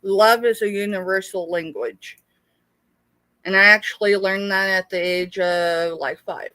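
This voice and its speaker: A middle-aged American woman, born in Texas, hosts a casual live sale as a small seller. Her medium-pitched voice is pushed and bright with fairly even intonation, unhurried and dry with no echo, as she rambles chattily and familiarly with her viewers.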